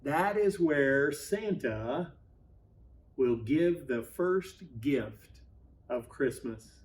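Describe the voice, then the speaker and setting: A man's voice: mid-range voice, animated, drawn-out words, recorded from a distance. A man voicing a hearty, commanding train conductor in a children's storybook, projecting emphatically. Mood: announcing.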